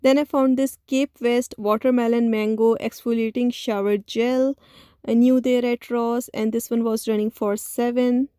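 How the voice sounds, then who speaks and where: A woman narrating a store shopping video in a voice-over, speaking slowly. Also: fairly high pitch, fairly even intonation, warm tone, clean tone, no echo, studio quality. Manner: slow, listy, with many "uh" pauses. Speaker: shopping vlogger.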